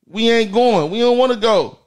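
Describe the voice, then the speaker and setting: An American comedy livestream host in his thirties speaks at a moderate pace in a very high voice, tossing out casual, profane, repetitive slang. He's indoors in a studio with a printed backdrop.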